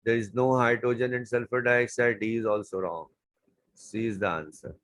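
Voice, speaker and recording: A man's voice: mid-range voice, fairly even intonation, normal speed, fairly bright tone, low-quality recording. A man tutoring chemistry, walking through exam questions step by step and repeating key words. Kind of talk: exam paper walkthrough lesson.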